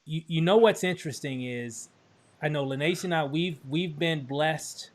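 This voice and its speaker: Upbeat man hosting a video call. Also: a little high. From Texas. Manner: upbeat, repetitive, many restarts and fillers. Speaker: host. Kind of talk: casual promotional livestream chat.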